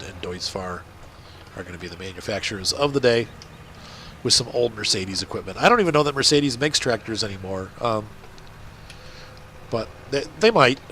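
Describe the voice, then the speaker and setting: A man's voice: lowish voice, bright, forceful tone, slight background noise. A man with a congested, blocked-up nose giving casual, rambling gameplay commentary as a video host. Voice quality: congested, blocked nose, nasal stuffy sound.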